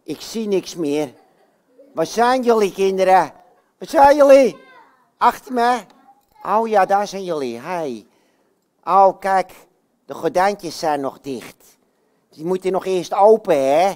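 A loud, bragging puppet hero, as a puppeteer puts him on, calling out to children from behind the booth. His pitch swings widely and his voice bursts with showy glee. It is a lively live puppet show indoors. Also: slow pace, pauses often. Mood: cheerful. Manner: loud, exclaiming, talks straight to the children. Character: boastful cheerful male puppet hero. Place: bookshop, indoors.

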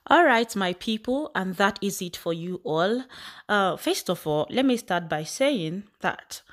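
A woman's voice: mid-range voice, expressive, unhurried. Impassioned Nigerian woman commentator. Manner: impassioned, rhetorical questions, frequent fillers. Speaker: channel host. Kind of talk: news read-out then opinion commentary.

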